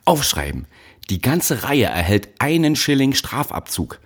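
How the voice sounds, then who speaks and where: A man voicing a brutal factory overseer who shouts threats at child workers. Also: mid-range voice, sing-song, a little slow, slightly rough, voice pushed up. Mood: furious. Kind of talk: audiobook character voice.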